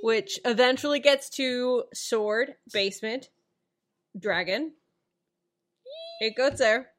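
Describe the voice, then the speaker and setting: Chatty woman podcast host, slightly high voice. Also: slow. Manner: chatty, reads plugs with many fillers. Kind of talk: casual podcast chat.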